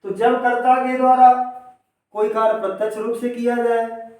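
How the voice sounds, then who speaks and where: A man's voice: extremely high pitch, flat delivery, moderate pace, darkish tone, far from the mic. A male teacher giving a grammar lesson to students. He explains step by step, and he often asks a question and then answers it himself. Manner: addresses students directly. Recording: echoey room, voice away from the mic.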